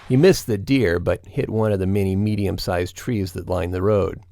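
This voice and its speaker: A man reading a scripted eerie true story with measured, suspenseful storytelling on a close studio mic. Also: low voice, vocal fry, dark tone, dry recording. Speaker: storyteller narrator.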